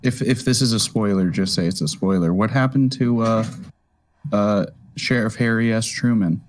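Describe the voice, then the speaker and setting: Young male podcast co-host, lowish voice, halting, relaxed banter. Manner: hesitant, restarts often, laughs easily. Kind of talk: casual chat.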